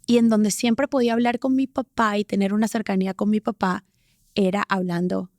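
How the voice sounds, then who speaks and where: A woman in her forties from Venezuela, telling her life story as an interview guest with lively, emphatic bursts. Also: medium pitch, dry recording, clean studio sound. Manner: animated, emphatic, talks in quick bursts. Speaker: interview guest, sports presenter.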